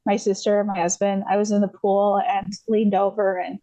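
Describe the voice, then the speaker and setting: A podcast guest from the USA tells her story in a casual, meandering way, stopping and restarting her sentences and filling gaps with little ums. Her voice is medium-pitched. It sits close and dry, with no room sound around it. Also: little pitch movement, normal speed, warm tone, dry recording, highs cut off. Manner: rambling, many fillers and restarts; laughs lightly while telling.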